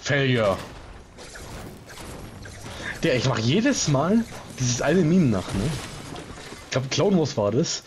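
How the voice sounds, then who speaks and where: A man's voice: mid-range voice, sing-song, measured pace, a little hiss or hum. Man joking slangily over game chat. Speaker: gaming squad member. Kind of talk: casual gaming chat.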